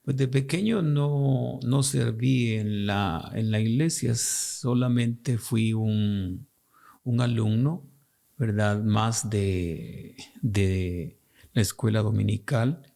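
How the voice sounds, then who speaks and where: A Salvadoran pastor with a Salvadoran Spanish accent talks slowly and with care on a radio interview. His voice has a gravelly rasp and a dark, mellow tone. He hesitates often and agrees with short murmurs. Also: lowish voice.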